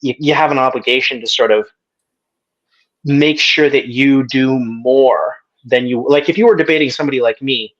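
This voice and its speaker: Male debate guest, halting and casual, muffled lo-fi line. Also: medium pitch, fairly bright tone. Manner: hesitant, many restarts and fillers.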